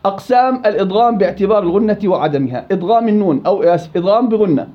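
A man with a Levantine Arabic accent teaching Quran recitation, quizzing students, praising answers and stretching out example words slowly. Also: sits high, animated, dull audio. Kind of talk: classroom teaching.

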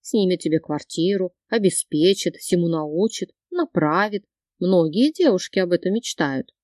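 A woman's voice: on the low side, expressive, normal speed, mellow, dry recording, studio quality, lightly acted. A woman voicing a flustered, guilty mother who scolds her grown daughter. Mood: reproachful. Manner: reproachful, scolding.

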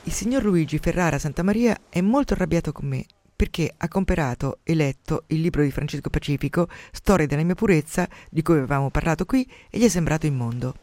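Male radio reader, measured and wry, high-ish, dead-dry studio mic. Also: lively intonation, darkish tone, no echo. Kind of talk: scripted story narration.

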